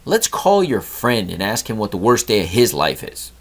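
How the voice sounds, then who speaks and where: In a sing-song manner and at normal speed, a middle-aged podcast host with a lower voice shares a heartfelt story about a conversation with his son. His monologue turns into a lecture on gratitude.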